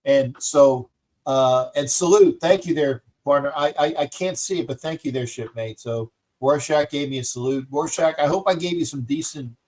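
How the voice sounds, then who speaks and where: Chatting loosely with his viewers, a livestream host in his 60s rambles in a folksy, salty manner, often restarting what he says. His voice is a little high and a little mellow, moving at a moderate pace.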